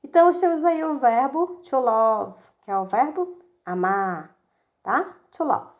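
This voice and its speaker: A woman with a fairly high voice teaching a recorded English lesson. She speaks slowly and deliberately, drawing out the English example sentences. She asks the class questions and then answers them herself. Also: animated, dull audio.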